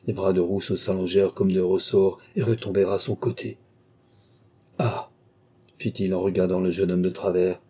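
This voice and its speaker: A man narrating a classic novel in a measured storytelling voice. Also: low voice, little pitch movement, warm tone, husky. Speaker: audiobook narrator.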